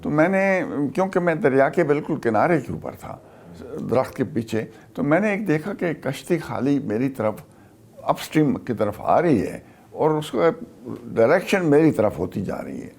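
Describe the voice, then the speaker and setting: An older man from Pakistan, a retired army officer, recounts a wartime memory in an interview, speaking haltingly with many pauses. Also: a little high, big pitch swings, vocal fry, a little mellow.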